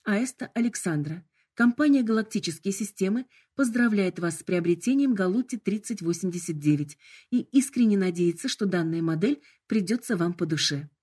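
A woman's voice: medium pitch, lively intonation, normal speed, mellow, slightly rough. A woman voicing a sickly sweet, politely formal female hologram assistant.

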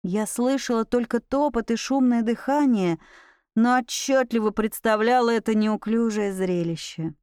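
A woman reading a first-person story aloud with expressive storytelling. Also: on the high side, normal speed, clean tone, no echo, clean studio sound. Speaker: audiobook narrator. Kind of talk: scripted first-person narration.

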